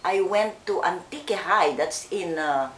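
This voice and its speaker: An older woman from the Philippines, recalling her life slowly and haltingly in an oral history interview. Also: fairly low pitch, a bit bright, reverberant, slight background noise, poor audio. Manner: slow, hesitant, with many fillers and restarts.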